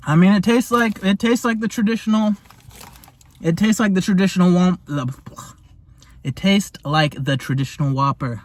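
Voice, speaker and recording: A young man with a high-pitched voice tastes fast food on camera. He gushes in casual slang and sometimes talks with his mouth full. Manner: excitable, slangy, gushing; talks while eating. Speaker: food reviewer. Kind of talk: casual taste-test vlog.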